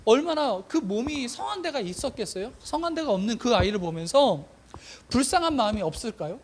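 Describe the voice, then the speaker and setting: Pastor guy preaching, voice sits way high and swings all over, keeps repeating stuff to hammer it home. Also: sing-song, a little fast, a little hiss or hum. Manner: emphatic, repeats phrases for weight; addresses the congregation directly with questions. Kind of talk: sermon.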